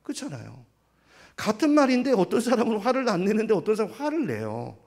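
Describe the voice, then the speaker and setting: A man's voice: high voice, wildly swooping pitch, fast, creaky, darkish tone. A middle-aged man preaching a sermon, asking the congregation rhetorical questions and acting out what other people say. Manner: acts out quoted voices of others. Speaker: pastor.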